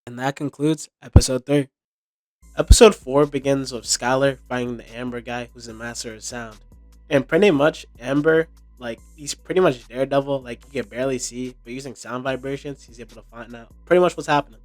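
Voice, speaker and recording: A man's voice: medium pitch, steady tone, fairly quick, darkish tone, no echo, faint music behind. A young man giving casual recap commentary in a sarcastic, slangy, informal way. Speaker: video commentator.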